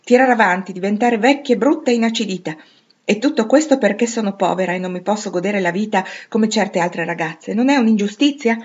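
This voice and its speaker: A woman's voice: medium pitch, moderate pace, breathy edge, dull audio, lightly acted. A woman voicing a sulky older teenage sister who complains about being poor. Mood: grumbling. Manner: complaining, petulant. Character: sulky elder teenage sister, longing for luxury.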